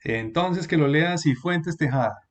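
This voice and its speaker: A man teaching an online class, patiently explaining and repeating words slowly for his students. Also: a little high.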